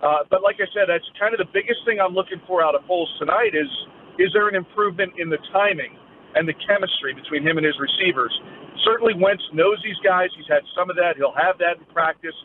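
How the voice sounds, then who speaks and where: A man's voice: sits high, fast. A man giving a live, conversational news field report as a sports reporter, phrasing his analysis loosely over a remote phone link. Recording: phone-like narrowband line with faint noise.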